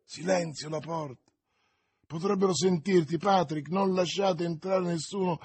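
A man voicing a haughty noble duke who meets a threat with loud indignant outbursts. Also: high voice, steady tone, measured pace, breathy edge, no echo, exaggerated voice. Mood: faint. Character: proud noble duke, haughty then dying.

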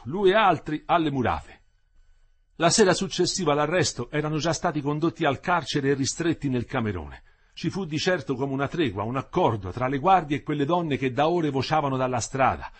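A man reading a novel aloud as narrator, in an expressive, dramatic way. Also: a little high, fairly quick, breathy edge.

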